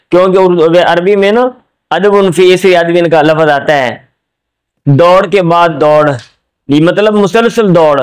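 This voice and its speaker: Middle-aged Punjabi-male lecturer, patient and explanatory, clear resonant voice, slightly raised pitch. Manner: explains step by step, checks with "ٹھیک ہے؟"; switches into Punjabi for jokes. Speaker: teacher. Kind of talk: classroom lecture on Arabic Quran commentary.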